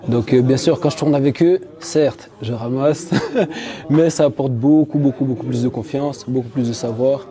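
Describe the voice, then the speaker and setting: A young man in his twenties speaks with a very dark, mellow tone. He answers questions as an amateur fighter, earnest and confident, with a boastful streak. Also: medium pitch, fairly even intonation, moderate pace. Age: 20s. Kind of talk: casual interview answers.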